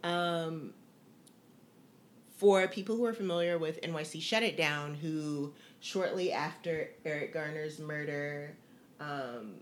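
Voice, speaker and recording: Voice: medium pitch, slow, slight background noise. A co-host of a casual talk show who explains at length, rambling and checking in with "right?". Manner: rambling, many ums and "right?". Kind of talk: casual chat.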